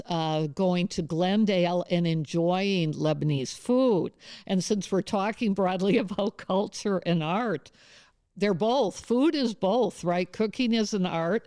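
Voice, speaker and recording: A woman's voice: on the low side, darkish tone, smooth, dry recording, studio quality. A woman professor interviewing a colleague, talking in a rambling, conversational way with many asides. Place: campus studio.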